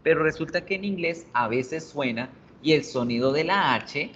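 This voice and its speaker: A man's voice: a little high, lively intonation, normal speed, a bit bright, dull audio, a little hiss or hum. A male English teacher explaining in a video lesson, patiently repeating words to drill pronunciation.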